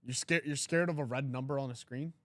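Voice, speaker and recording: Twenty-something dude on a trading livestream, teasing chat, dead dry mic. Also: male voice, medium pitch, steady tone, a little fast, dry recording. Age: 20s. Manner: blunt, teasing, reads chat aloud.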